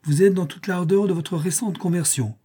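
A man's voice: high-pitched, normal speed, dark tone, slightly rough, voice pushed up. A man voicing a proud Byzantine empress, imperious and reproachful, in a cool, lecturing tone.

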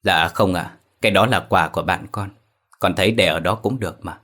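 A meek, obedient teenage girl in a horror audiobook, read by a man. She speaks quietly and gently, in a low voice. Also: brisk.

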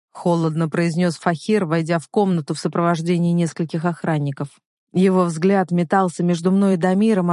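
A woman's voice: lowish voice, a little mellow, dry recording, studio quality. Woman narrating a romance thriller. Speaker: audiobook narrator. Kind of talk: first-person romance narration.

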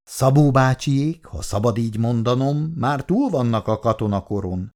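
An actor doing an eager young neighbor for a 1960s radio drama, ceremonious and formal. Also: male voice, medium pitch, expressive, a little mellow, natural voice. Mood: reassuring. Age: young adult.

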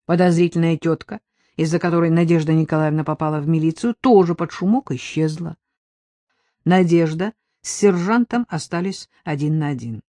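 Woman, audiobook narrator, measured expressive reading, low-ish pitch, dry sound. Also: no room sound. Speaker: audiobook reader. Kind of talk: scripted narration.

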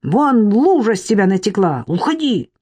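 A woman's voice: a little high, big pitch swings, slow pace, darkish tone, slightly rough, voice pushed up, full character voice. Woman putting on a shrieking furious skinny woman. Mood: angry scolding. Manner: screaming in rage.

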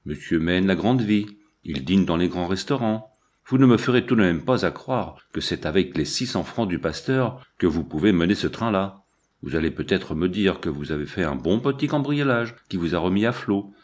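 A man's voice: low-pitched, expressive, moderate pace, a little mellow. A man voicing a drunken, angry male accomplice who speaks in a bitter, accusing way.

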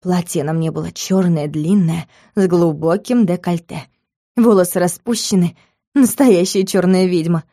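Woman, audiobook narrator, first-person storytelling, mellow dark tone, dry close sound. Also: lowish voice, moderate pace, no echo.

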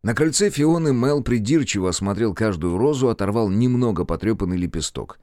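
A man narrating an audiobook with expressive storytelling. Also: on the low side, a little fast, dry recording, clean studio sound. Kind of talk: scripted narration.

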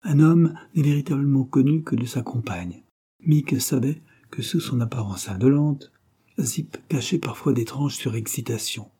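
A man narrating an audiobook of a classic novel in a measured, literary way. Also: medium pitch, dark tone, slightly rough.

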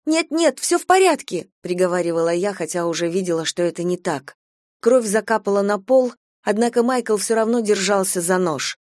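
A woman narrating an audiobook in the first person with an even, measured delivery. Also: mid-range voice, no echo, studio quality.

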